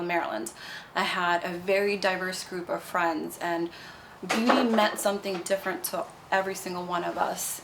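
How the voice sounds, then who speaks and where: A woman's voice: on the low side, a bit bright, a little hiss or hum, poor audio. A young woman from Nepal, a cosmetics founder, answering interview questions in a bubbly, chatty way. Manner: bubbly, chatty, fond of fillers like "you know".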